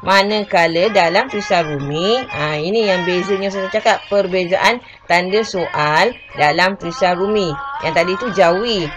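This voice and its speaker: A Malaysian woman teacher leads an online lesson in a lowish voice, repeating each point patiently and checking that her pupils follow. Faint music plays behind her. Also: moderate pace, rough recording. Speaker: religious schoolteacher.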